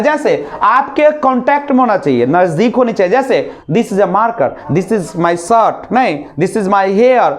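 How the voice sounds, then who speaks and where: A man teaching a spoken English class in a classroom, drilling students with repeated questions and having them repeat after him. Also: very high voice. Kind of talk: classroom lesson.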